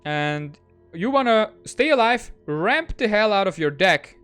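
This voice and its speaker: A man hosting a gaming channel, giving excitable, quick, self-mocking commentary on a digital card game match. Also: high-pitched, clean tone, faint music behind. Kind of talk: gameplay commentary.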